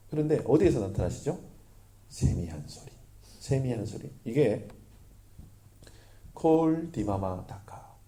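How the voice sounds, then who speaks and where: A man preaching a sermon as pastor, lively, often asking the congregation questions. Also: lowish voice.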